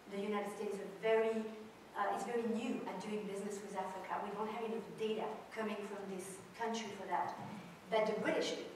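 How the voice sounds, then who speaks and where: A woman from Switzerland, giving a direct, animated public lecture to an audience in a large auditorium. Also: fairly high pitch, a little hiss or hum. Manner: direct, animated, pacing the stage. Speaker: guest speaker on business culture. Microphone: far camera in the audience. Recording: echoey hall recorded from far off.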